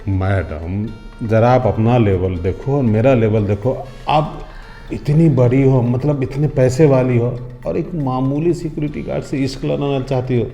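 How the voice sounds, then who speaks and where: A man's voice: mid-range voice, normal speed, warm tone, soft background music, lightly acted. An actor playing an honest, middle-aged security guard in a scripted short drama. He speaks politely and respectfully and pleads at times.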